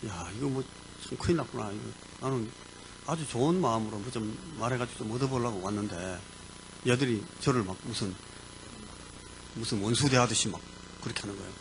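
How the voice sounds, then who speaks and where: A man preaching as a pastor, telling a personal story with lively sound words and sudden bursts of emphasis. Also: mid-range voice, brisk, long pauses, slight background noise, poor audio. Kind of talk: sermon storytelling. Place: church.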